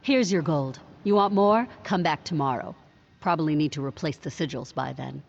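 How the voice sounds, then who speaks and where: Wry, menacing female thief for a fantasy game; deep register, slightly dull audio. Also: moderate pace, creaky. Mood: sardonic. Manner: wry, sardonic. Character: cynical female thieves' guild questgiver, wry and menacing. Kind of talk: video game character acting.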